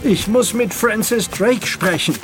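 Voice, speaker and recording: A man's voice: high voice, expressive, takes it slowly, music in the background, voice pushed up. A man voicing a frantic, breathless teenage boy urgently giving a warning.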